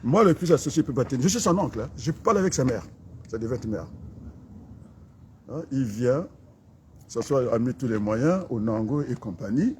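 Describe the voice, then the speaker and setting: A man's voice: medium pitch, lively intonation, normal speed, pauses often. Brief: middle-aged man, combative political rant, medium voice, outdoor street take, faint traffic hum. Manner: fiery, combative, mocking, with sudden loud outbursts. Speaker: political activist. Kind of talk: impassioned political rant to camera. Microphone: camera held by a companion.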